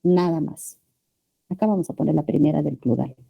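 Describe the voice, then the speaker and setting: A woman's voice: low voice, a little fast, creaky, husky, dull audio. A woman teacher with a Peruvian Spanish accent, giving a classroom lecture and checking in with her students often. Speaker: language teacher.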